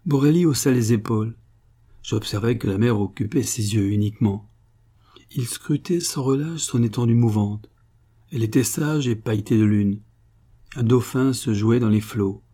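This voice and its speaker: A male audiobook reader narrating a literary novel, measured and expressive. His voice is dark and mellow, with a husky edge. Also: medium pitch.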